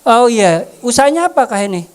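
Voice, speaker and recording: A woman's voice: fairly high pitch, very animated, fairly quick. A woman preaching a casual sermon, joking and asking the congregation questions. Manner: jokey, asks the congregation questions.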